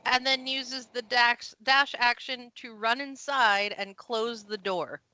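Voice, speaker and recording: A woman narrating as game master of a tabletop game, animated and quick with asides. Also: a little high, low-quality recording.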